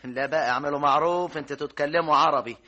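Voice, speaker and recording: Fast, bright, wisecracking bachelor, radio comedy. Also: male voice, a little high, lo-fi sound. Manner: quick, joking and grumbling. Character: blunt, teasing bachelor brother seeking a bride. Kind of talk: Egyptian radio comedy drama acting.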